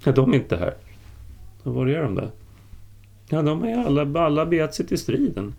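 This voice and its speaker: A man's voice: on the high side, very animated, gravelly, darkish tone, voice pushed up. Man putting on a stammering, frightened farmhand. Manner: stammering, trembling. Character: frightened lowly male farmhand, timid, stammering.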